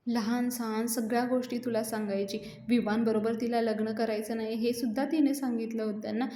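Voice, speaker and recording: A woman's voice: a little high, fairly even intonation, a little fast, warm tone, lightly acted. A woman voicing an anxious middle-aged mother, asking fretful, pleading questions, in an echoey room. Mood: worried.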